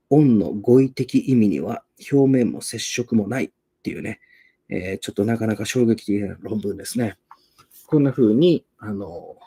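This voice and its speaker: A man's voice: mid-range voice, mellow, husky. A man, an English pronunciation teacher chatting self-assuredly and rambling on a live stream. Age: 40s.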